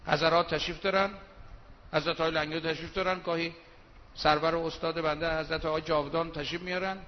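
A man preaching a sermon from the pulpit, reciting verse slowly and then talking fast and colloquially, moving between soft asides and loud emphatic bursts. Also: on the high side, a little hiss or hum. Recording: dull reverberant hall recording.

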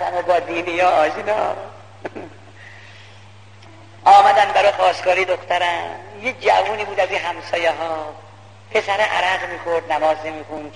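A man preaching with fervor, his voice pitched a bit high and bright, ringing in a large hall. His storytelling turns impassioned, climbing higher at the emotional peaks. A long reverb trails every phrase. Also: a little hiss or hum.

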